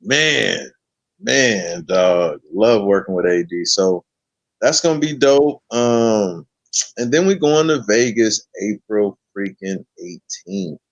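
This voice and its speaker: A man's voice: fairly low pitch, animated, slow, no room sound, muffled recording. Laid-back slangy man hosting a chat. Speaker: host. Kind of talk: casual late-night chat.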